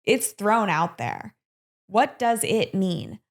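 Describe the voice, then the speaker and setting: A woman's voice: medium pitch, slow. A woman hosting her own solo podcast about everyday wellness, talking casually and playfully straight to the listener. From American Midwest. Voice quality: chatty, animated, with playful asides. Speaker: podcast host.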